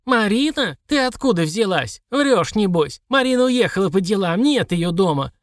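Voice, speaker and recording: A man's voice: high voice, sing-song, normal speed, no echo, voice pushed up. An eighty-year-old manservant, as a male audiobook reader puts him on, cantankerous and cheeky, grumbling in a raised, pinched voice. The sound is close and dry, with no room around it. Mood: scolding. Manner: scolding, grumbling. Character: old male servant, grumpy, tipsy, cheeky.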